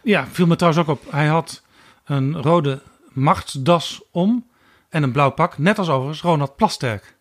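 Measured male podcast co-host. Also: a little high. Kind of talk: political analysis chat.

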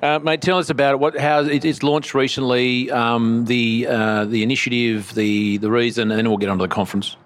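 A man's voice: medium pitch, level tone, a little fast, hardly any pauses. An Australian man hosting a casual, joking interview, talking in a slangy, laid-back blokey way like an Aussie tradesman. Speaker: podcast host interviewing at a conference. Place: outside area of a conference venue. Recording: faint outdoor background noise at event.

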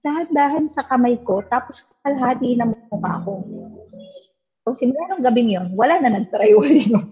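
A woman's voice: on the high side, animated, normal speed, mellow, breathy edge. A woman telling a ghost story in a casual interview, mixing English into her talk and acting out what people said. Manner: mixes English into Tagalog, acts out quoted dialogue. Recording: dull lo-fi recording.

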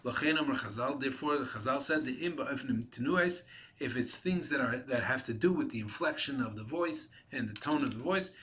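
Guy giving a torah class, reads with a yeshiva sound then translates, restarts a lot, bright voice. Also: mid-range voice, animated. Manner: halting, repeats and restarts words while translating. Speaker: Torah teacher. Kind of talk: reading a Hebrew text and translating it line by line.

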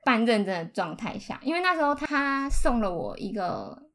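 Casting: woman podcast co-host, Taiwanese accent, fairly high voice, conversational personal storytelling. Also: sing-song, normal speed, fairly bright tone. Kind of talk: casual chat, personal storytelling.

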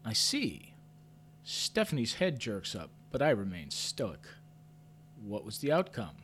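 Man narrating with a lively, expressive pitch. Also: slight background noise. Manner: measured and understated, lifts sharply in his own character's questions. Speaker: first-person narrator. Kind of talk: audio drama narration.

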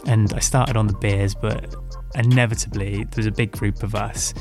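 Young man raised in Hong Kong, low voice, candid self-mocking storyteller, faint music underneath. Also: moderate pace. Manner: candid, self-mocking, lively when recalling. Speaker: podcast guest storyteller. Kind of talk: casual personal storytelling.

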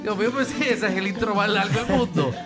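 A man co-hosts a radio show with a fairly high voice. He jokes and breaks into laughter as he talks. Loud music plays under his voice. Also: animated, quick pace. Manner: laughing, exclamatory, teasing. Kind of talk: casual radio banter.

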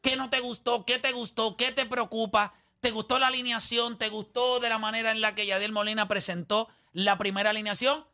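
Puerto rican guy hosting sports talk, high bright voice, teasing and bouncy. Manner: teasing, animated, quick back-and-forth. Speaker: sports talk show host. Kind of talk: casual sports talk banter.

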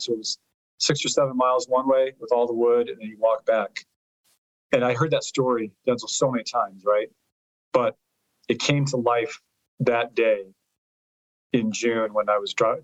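Speaking in a mid-range voice, this Italian-born lawyer and author in his fifties wanders through family anecdotes during a storytelling interview, circling back on words as he gropes for what he means. The sound is dry and of low quality.

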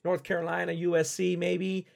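A man with a slightly high voice and a bit of a cough co-hosts a sports podcast. He chimes in with quick agreement and gives animated takes in casual conversation. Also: vocal fry. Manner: quick affirmations, animated opinions. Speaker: podcast co-host.

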